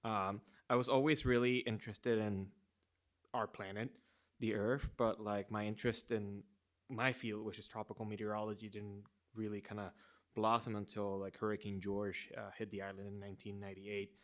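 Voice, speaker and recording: A man from Rico, in his thirties, giving a relaxed personal talk at a symposium, full of fillers and restarts. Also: fairly low pitch, moderate pace. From Puerto Rico. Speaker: symposium speaker.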